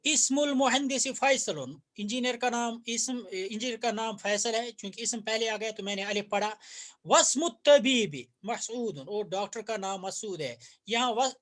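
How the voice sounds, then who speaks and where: A man's voice: sits high, fairly bright tone. A middle-aged man from India with a Kashmiri accent, a native Urdu speaker, teaching a recorded Arabic grammar lesson and patiently repeating and translating each phrase.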